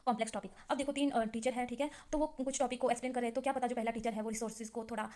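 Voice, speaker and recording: A fast-talking young woman runs through revision notes like a trainee teacher, her voice sitting a little high. She explains in a loose, chatty way, full of fillers and restarts. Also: fairly even intonation, warm tone. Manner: chatty explaining with many fillers, reads English definitions slowly. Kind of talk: casual exam-revision lesson.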